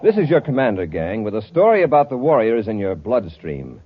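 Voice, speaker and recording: A man's voice: on the low side, very animated, a little fast. A man playing a brave, authoritative space patrol commander in a 1950s radio adventure serial. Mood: earnest. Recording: muffled, lightly noisy old radio recording.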